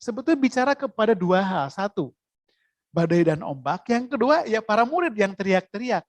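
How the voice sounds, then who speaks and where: A preacher giving a sermon, in a lively way, asking the listeners questions. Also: medium pitch, moderate pace, dry recording.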